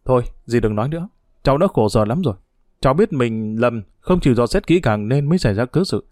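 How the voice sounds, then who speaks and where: A man voicing a troubled young man in a storybook reading, answering in quick, tense lines. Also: medium pitch, lively intonation, darkish tone, no echo, studio quality, close to an everyday voice. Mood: weary.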